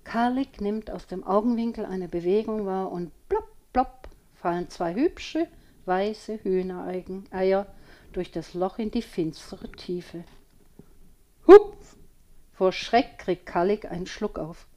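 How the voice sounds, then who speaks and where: A woman reading a children's story aloud with slow, expressive storytelling. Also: mid-range voice. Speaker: audiobook reader.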